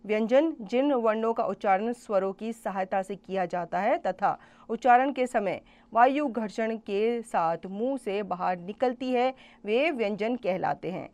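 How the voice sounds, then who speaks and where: A woman's voice: medium pitch, darkish tone. A woman teaching a school grammar lesson to children, spelling out letters one by one and asking the class questions. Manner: slow, careful explanation, spells out letters one by one; addresses children directly with questions.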